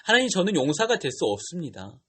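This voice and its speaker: A man's voice: fairly high pitch, big pitch swings, quick pace, sharp tone, breathy edge, exaggerated voice. A man voicing Gideon, a timid and fearful young man who pleads and belittles himself. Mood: pleading. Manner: hesitant, self-deprecating pleading.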